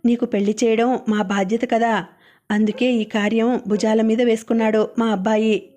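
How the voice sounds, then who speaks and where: A woman voicing a gentle, caring older lady of the house in a storybook reading, speaking softly and coaxingly. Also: fairly high pitch, level tone, lightly acted. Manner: soft, coaxing, unhurried.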